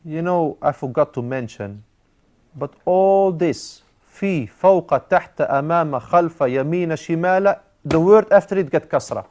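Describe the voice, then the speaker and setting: A man with a slightly higher voice, teaching an Arabic grammar class. He explains step by step, repeats key words and pauses often on "uh". Arabic terms run through his talk. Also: lively intonation, darkish tone. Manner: halting, with frequent "uh" fillers, mixing in Arabic terms.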